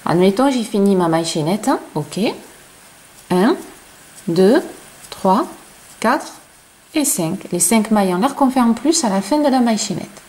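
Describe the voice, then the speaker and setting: A woman with a non-native French accent, teaching crochet step by step and counting stitches aloud in a chatty, soft-spoken way. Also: mid-range voice, animated, measured pace, pauses often, low-quality recording. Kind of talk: slow step-by-step tutorial.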